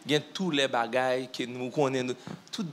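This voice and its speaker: A man's voice: medium pitch, normal speed, slight background noise. A man preaching in church, telling a story and acting out what people said to him. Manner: animated storyteller who acts out what people said. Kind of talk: storytelling sermon testimony.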